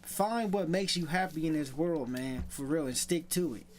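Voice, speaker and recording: High-voiced man who stutters a little. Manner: stutters now and then, halting restarts. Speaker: guest. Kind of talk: casual conversation.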